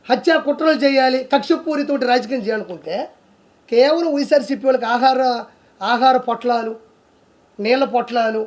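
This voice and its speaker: A man speaks in a strikingly high voice. He rants at a political target, scornful and accusing, firing one rhetorical question after another. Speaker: political commentator. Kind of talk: heated political rant to camera.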